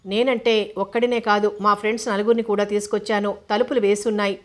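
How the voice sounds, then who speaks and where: A woman's voice: medium pitch, little pitch movement, fast talker, close to an everyday voice. Woman reading as a polite young college man. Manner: polite, mild-mannered. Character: young male college student, polite and shy. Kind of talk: audiobook character reading.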